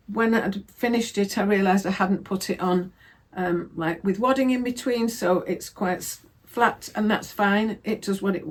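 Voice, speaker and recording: A woman chatting casually about her sewing projects, rambling and correcting herself as she goes. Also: mid-range voice. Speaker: sewing vlogger. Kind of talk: casual crafting chat.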